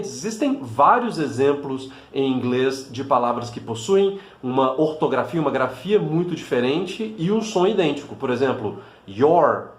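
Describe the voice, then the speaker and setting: In a reverberant recording, a Brazilian man with a medium-pitched voice teaches language to camera. His Brazilian Portuguese accent is clear, and his patient explanations are sprinkled with fillers and frequent "né?" check-ins with listeners.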